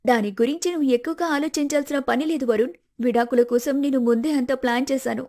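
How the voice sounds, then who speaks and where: A woman voices a scheming young wife in an animated moral story, speaking fast in a high voice. She plays it with melodramatic, pleading false innocence and a mood of smug confiding.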